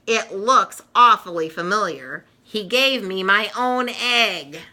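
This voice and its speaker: A woman puts on a smug, bossy little girl for a storybook. The voice is bright and raised, pressing each word with self-important emphasis and swinging in pitch. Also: animated, takes it slowly, full character voice. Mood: scornful.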